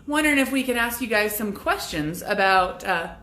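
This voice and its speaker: A young real estate agent hosts a local business show as a casual live walk-and-talk video, chatting upbeat as she walks and visits, with frequent restarts. Her medium-pitched voice is expressive, bright, and forceful, at a normal speed.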